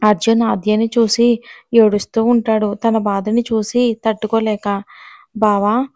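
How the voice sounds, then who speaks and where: Woman storyteller reading a serialized romance, even and unhurried, little lift in pitch, close and dry. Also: no echo. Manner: even, steady narration with short direct asides to listeners.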